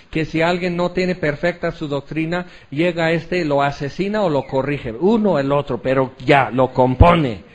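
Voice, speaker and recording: Animated pastor with a high voice. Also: male voice. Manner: animated storytelling with acted-out asides. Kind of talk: sermon.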